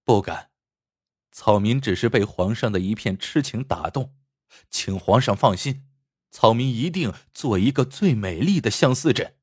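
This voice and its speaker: Guy doing a humble craftsman, calm and even, low kinda husky voice. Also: no echo, studio quality. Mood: restrained. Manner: calm, measured. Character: humble, dignified male pillow craftsman.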